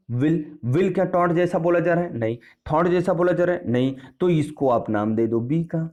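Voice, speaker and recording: A male English tutor, his voice sitting a little high, walks students through a lesson. He repeats each point, quizzes them and answers his own questions, calling them familiar names. The audio is muffled and lo-fi. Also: darkish tone. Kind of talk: classroom-style video lesson.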